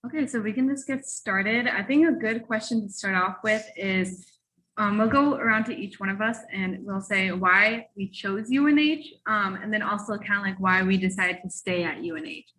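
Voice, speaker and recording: A woman's voice: medium pitch, normal speed, sharp tone, low-quality recording. A young woman from Massachusetts speaking on a casual video call panel, friendly and chatty. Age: young adult. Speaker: student panelist. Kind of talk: casual livestream Q&A.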